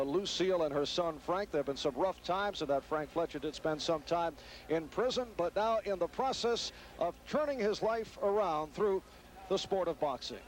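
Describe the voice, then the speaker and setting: A man giving live sports broadcast commentary on boxing from ringside. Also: a little high. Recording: noisy broadcast over loud arena crowd.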